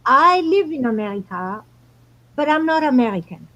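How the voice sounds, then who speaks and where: A woman's voice: high-pitched, very animated, moderate pace, bright, forceful tone, poor audio. A woman from Morocco, hosting a casual astrology talk and explaining spiritual ideas earnestly. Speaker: show host.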